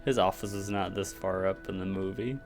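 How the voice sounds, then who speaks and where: A man's voice: low voice, fairly even intonation, fairly quick, over music. A man giving casual commentary as he plays a video game, muttering reactions to himself and reading on-screen text aloud. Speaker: video game streamer playing through a game.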